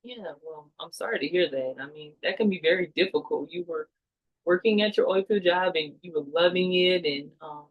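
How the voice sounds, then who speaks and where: A woman playing a calm, sympathetic counselor in a mock session, reflecting back hesitantly like a therapist. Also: fairly low pitch, moderate pace, dull audio, close to an everyday voice. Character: calm, sympathetic counselor listening to a client in crisis. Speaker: counselor in a role play.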